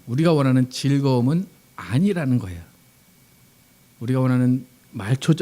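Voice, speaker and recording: A man's voice: mid-range voice, dark tone. A man, a pastor, preaching a Sunday sermon in a conversational way, asking the congregation questions and acting out quoted lines.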